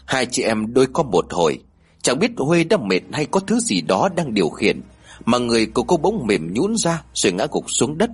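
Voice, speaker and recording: A man reads a ghost story aloud with a husky, slightly breathy tone. His pitch moves a lot as he builds the tale. The delivery is formal and expressive. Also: normal speed. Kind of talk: scripted story narration.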